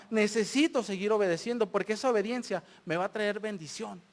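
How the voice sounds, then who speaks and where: A man with a Mexican accent preaching a sermon, reading scripture loudly and dropping to hushed asides. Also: high voice. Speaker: lay preacher.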